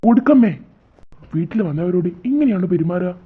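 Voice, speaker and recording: A woman voicing a teasing young adult brother in a cartoon, in a husky, pushed-down voice. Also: lowish voice, animated, fairly quick, phone-quality sound, pitched below the performer's own voice. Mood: nagging. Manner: teasing big-brother banter. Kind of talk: cartoon voice acting.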